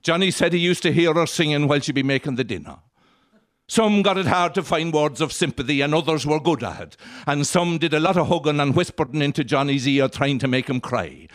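A man's voice: a little high, a little fast, no echo. A man with an Irish accent telling a comic story as a live stage monologue, in a lilting, droll storyteller's manner. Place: live on stage at an arts centre.

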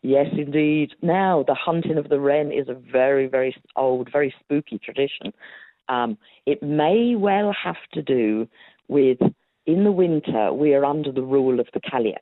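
With a bass voice and a moderate pace, a woman historian answers questions as an interview guest, spinning chatty stories with frequent laughs and lots of fillers. The recording is dry and tinny, resembling a phone line.

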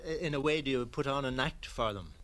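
Man, mid-pitched voice, interviewer, broadcast documentary. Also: fairly quick, a bit bright.

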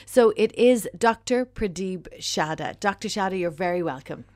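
A woman's voice: medium pitch, normal speed, darkish tone, no room sound. A woman hosting a studio talk show, introducing her guest and chatting in a friendly, talkative way. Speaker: show host. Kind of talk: studio interview.

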